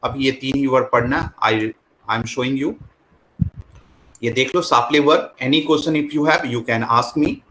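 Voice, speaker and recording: A man with an Indian accent teaching a French class, slowly drilling the words and switching between English and Hindi. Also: medium pitch, fairly even intonation, bright, forceful tone, slight background noise, low-quality recording. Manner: slow, repetitive drilling, mixing English and Hindi. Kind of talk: classroom lesson.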